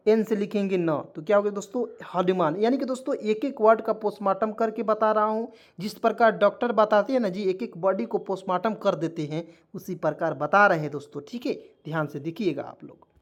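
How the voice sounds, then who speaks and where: A man teaching an online lesson, spelling words out letter by letter, repeating himself and checking in with viewers again and again. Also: high-pitched. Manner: repetitive, keeps checking in with viewers.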